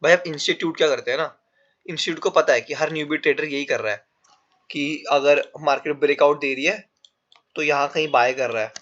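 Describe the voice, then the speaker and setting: A man with a sore throat and a fairly high, slightly bright voice talks a bit fast while drawing on a chart to teach a trading lesson. He goes step by step in a casual way, calling viewers "bhai." Having no proper mic yet, the recording sounds dull and lo-fi.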